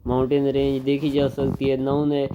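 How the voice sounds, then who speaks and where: A man gives a grammar lecture with a very dark, mellow voice. He explains step by step and slows down to read example sentences. The recording is dull and lo-fi with a faint hiss. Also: medium pitch, completely flat delivery. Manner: explains in Hindi mixed with English, reads example sentences slowly. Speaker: English grammar teacher.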